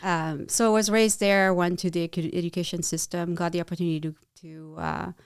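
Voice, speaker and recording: A middle-aged woman from France with a French accent, speaking as a guest in a casual interview, halting with many restarts. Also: on the low side, steady tone, clear, resonant tone, no room sound, studio quality. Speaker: guest, chief marketing officer.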